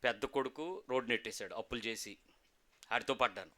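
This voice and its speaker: A man preaching, voicing a troubled middle-aged man who complains of family burdens, in a low, weary voice. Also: fairly quick, sharp tone, natural voice. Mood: weary complaint.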